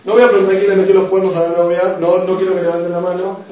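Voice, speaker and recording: A man's voice: high voice, little pitch movement, very fast, darkish tone. A young man with a Rioplatense Argentine accent, preaching to a youth group with jokes, personal stories and questions to the audience. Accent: Rioplatense Argentine Spanish. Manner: joking, emotional storytelling, asks the audience questions. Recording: very echoey room, voice picked up from a distance.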